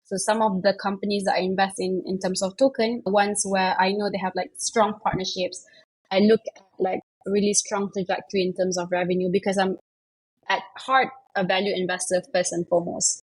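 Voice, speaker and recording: A young woman from Malaysia, chatting as an interview guest, full of fillers and quick self-corrections. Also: mid-range voice, flat delivery, husky, poor audio. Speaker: guest, investment manager. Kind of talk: casual interview chat.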